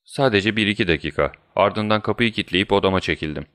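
A man voicing a humble, deferential male college servant who answers respectfully, in a deep voice. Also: fast talker, fairly bright tone, no echo, clean studio sound, close to an everyday voice. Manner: respectful, says sir often.

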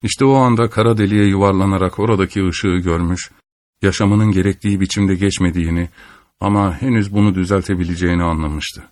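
A man narrating a literary audiobook in a measured, solemn reading style. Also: low-pitched, steady tone, a little mellow, no echo.

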